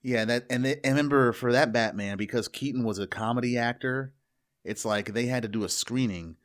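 A man chatting casually about movies as a podcast co-host, talking in quick bursts with restarts. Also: medium pitch.

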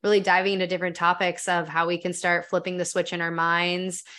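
A woman hosts a podcast interview with enthusiasm, peppering her speech with "like" and "really." Her voice is fairly low, bright, and forceful. She speaks fairly quickly in a level tone.

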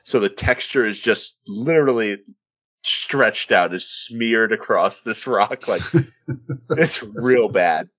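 A man's voice: fairly low pitch, takes it slowly, fairly bright tone, muffled recording. A man talking casually about films as a podcast co-host.

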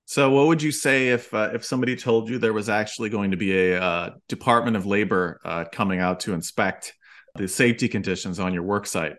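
A man's voice: fairly low pitch, a little fast, a bit bright. A man hosting an interview, asking questions in a dry, wry way with filler words. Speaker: host.

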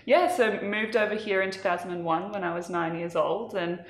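A woman's voice: mid-range voice, normal speed, roomy sound. A woman in her twenties, born in Malawi, chatting as an interview guest in a casual, self-deprecating way. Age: 20s.

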